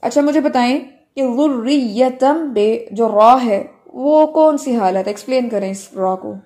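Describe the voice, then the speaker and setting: A woman tajweed teacher running an online Quran recitation class, correcting students and modelling the recitation slowly. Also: a little high, mellow.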